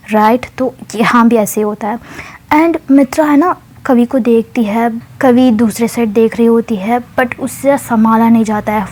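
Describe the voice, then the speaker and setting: Chatty high-voiced woman storyteller. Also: darkish tone, slight background noise. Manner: chatty, mixes in English phrases and asides. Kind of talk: casual story retelling.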